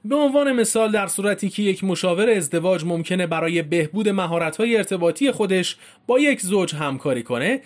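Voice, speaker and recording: High-voiced man with a lively read. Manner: reads a formal script with spoken colloquial endings. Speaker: narrator. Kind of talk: scripted informational narration.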